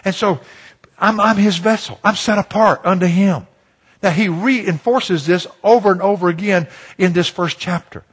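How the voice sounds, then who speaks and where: A man's voice: high-pitched, normal speed, husky. An older man from Virginia, preaching a sermon as a pastor, folksy and self-deprecating in his storytelling. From Virginia, USA.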